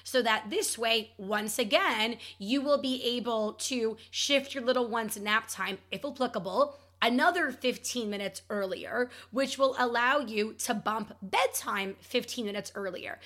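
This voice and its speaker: A woman's voice: a little high, a little slow, hardly any pauses, fairly bright tone. A woman hosting an advice podcast in an upbeat, instructive manner, stressing key words as she goes. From Ontario, Canada. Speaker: podcast host and child sleep coach.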